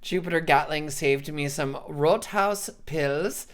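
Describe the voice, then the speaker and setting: A jet-lagged woman with a low voice hosts a livestream at a slow pace, chatting casually in a scattered, rambling way and frequently swearing and laughing.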